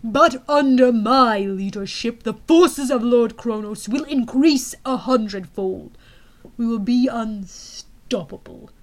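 A woman voicing a cold, scheming male villain general who speaks slowly and loudly. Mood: gloating. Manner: slow, booming, menacing delivery.

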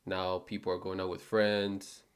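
A man's voice: deep voice, level tone, measured pace, smooth. A man chatting casually as a podcast co-host and husband, easygoing and joking. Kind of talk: casual chat.

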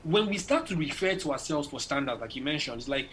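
A man's voice: fairly high pitch, lively intonation, fast talker, a bit bright, a little hiss or hum. A young man from Nigeria, talking emphatically in a casual podcast conversation and often checking that he is understood. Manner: emphatic, rhetorical, keeps checking in.

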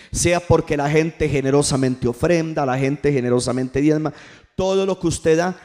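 A man's voice: a little high, a little mellow. A male pastor preaching a sermon in church, calling the congregation to answer back. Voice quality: preaching with call-and-response to the congregation.

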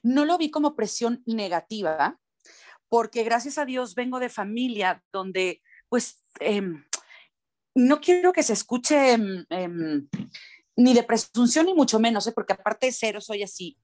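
A woman's voice: on the high side, expressive, moderate pace, a little mellow. Mexican woman, earnest and emphatic. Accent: Mexican Spanish. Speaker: voice actor. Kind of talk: conversational interview.

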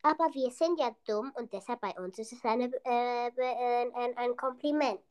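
Brief: young voice as a dim cheerful genie cousin, high, unhurried, stumbles over words. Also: male voice, expressive, fairly bright tone, exaggerated voice. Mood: goofy. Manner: stammering, repeats words. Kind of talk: improvised playful role-play.

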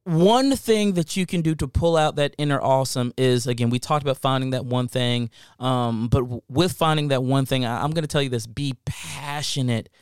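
Brief: male co-host, emphatic and repetitive, smooth resonant tone, dry sound. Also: medium pitch, moderate pace, hardly any pauses, no echo. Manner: emphatic, repeats phrases, laughs often. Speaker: co-host of a live show. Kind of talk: casual chat. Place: at a desk indoors.

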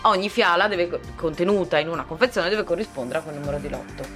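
Female podcast co-host, methodical explainer, lower voice, faint music behind. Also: fast talker. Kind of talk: casual podcast discussion.

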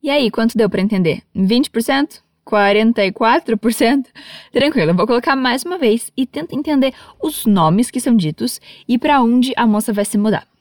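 A woman's voice: on the high side, animated, normal speed, no echo. Encouraging Brazilian woman teaching English. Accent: Brazilian Portuguese. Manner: encouraging, patient, playful. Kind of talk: lesson for learners.

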